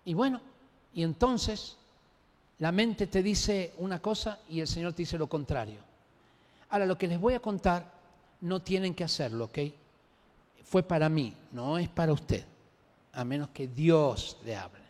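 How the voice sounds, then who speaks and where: A man preaching a sermon, telling a personal story in an animated, emphatic way. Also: on the high side, a little slow, pauses often. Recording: long reverb of a large hall.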